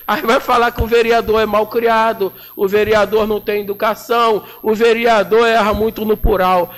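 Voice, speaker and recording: A Brazilian city councilman in his forties delivers a combative, indignant floor speech packed with colloquial slang into a desk microphone inside a municipal council chamber. His voice is high-pitched and a bit bright, with a level tone and normal speed.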